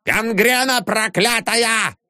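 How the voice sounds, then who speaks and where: A man's voice: high-pitched, slow pace, bright, forceful tone, dry recording, studio quality, pitched above the performer's own voice, exaggerated voice. A man shrieking as a furious brawling janitor. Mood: raging. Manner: shrieking curses.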